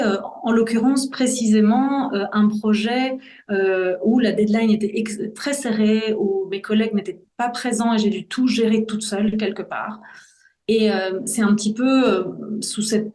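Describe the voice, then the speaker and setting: Her medium-pitched voice has a slightly mellow quality as this Belgian woman in her 40s offers sincere, thoughtful personal testimony on a podcast. She searches for words, and the reverberant room leaves an echo.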